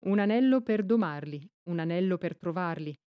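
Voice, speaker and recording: A solemn old male wizard from an audiobook, speaking slowly and weightily, as a woman puts him on. The voice sits low and sounds dark and mellow. The sound is close and dry, with no room around it. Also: lively intonation, no echo, lightly acted. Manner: slow, solemn storytelling speech. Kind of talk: audiobook reading.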